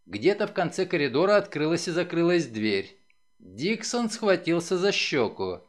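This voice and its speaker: A man narrating a novel as an audiobook, in a dramatic, expressive reading. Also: a little high, moderate pace. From Ukraine. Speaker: audiobook reader.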